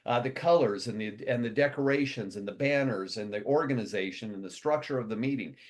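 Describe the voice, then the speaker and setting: Speaking at medium pitch, a man in charge of a company rallies his members with a motivational address that runs fast and rambling, packed with restarts and long lists.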